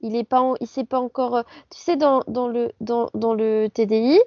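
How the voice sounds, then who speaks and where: A woman's voice: fairly high pitch, fairly even intonation, normal speed, no room sound, dull audio. A woman co-hosting a podcast, explaining casually with fillers and repeated words. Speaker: podcast co-host. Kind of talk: casual chat.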